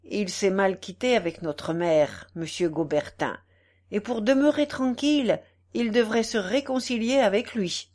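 A woman reading the lines of a gentle aristocratic countess in a storybook, in her own voice. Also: medium pitch, unhurried, lightly acted. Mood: advising.

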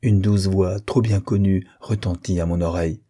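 A man narrates a classic novel in a measured, expressive reading. His voice is deep and mellow. It has a husky grain to it. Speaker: audiobook reader.

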